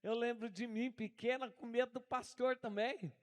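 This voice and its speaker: A woman's voice: on the high side, steady tone, moderate pace. An older woman pastor with a Brazilian Portuguese accent, preaching a sermon full of personal stories and calling out to her congregation. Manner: emotional, storytelling, addresses congregation as brothers.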